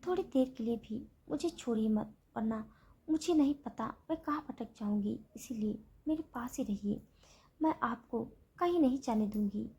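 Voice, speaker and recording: A clingy young woman pleads softly for her lover to stay, voiced by a woman narrator. The voice is breathy and husky with a mellow, fairly high tone. She sounds soft and imploring throughout the storybook scene. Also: moderate pace. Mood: pleading.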